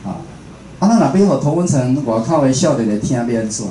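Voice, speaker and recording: A man with a Taiwanese accent, who runs a radio station and hosts a show, speaks with warmth and animation at a slightly fast clip. In an informal indoor lecture he chats with listeners and often asks them questions, his medium-pitched voice heard with a roomy echo and faint background noise.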